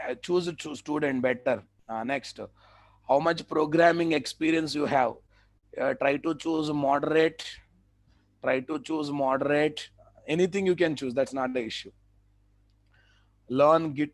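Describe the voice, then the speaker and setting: A man with a South Indian, Telugu-influenced English accent, teaching a live online software class in short instructions that he often repeats. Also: mid-range voice, dry recording. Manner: repeats phrases, clipped instructions. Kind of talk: live online tutorial, addressing students.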